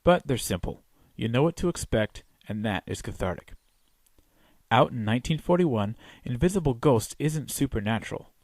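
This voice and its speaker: A man with a mid-pitched voice reads a scripted film review. His delivery is wry and opinionated, and the sound is very dry and close, with no room echo. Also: animated, moderate pace, a little mellow.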